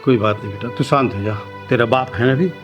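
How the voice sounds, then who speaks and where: A man's voice: medium pitch, quick pace, natural voice. A middle-aged man playing a worried, protective father who soothes his daughter. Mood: comforting. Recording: music bed under dialogue.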